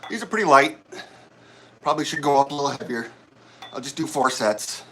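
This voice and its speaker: A middle-aged man talks to his livestream viewers while he works out, out of breath and friendly. His voice sits at an ordinary middle pitch, and his sentences wander, stall and restart. Faint background noise hums under a camera set up in the gym. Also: animated, pushed and bright. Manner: halting, friendly, rambling with many restarts. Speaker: livestream host. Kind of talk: casual chat while working out on a livestream. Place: gym during a workout. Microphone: camera set up nearby.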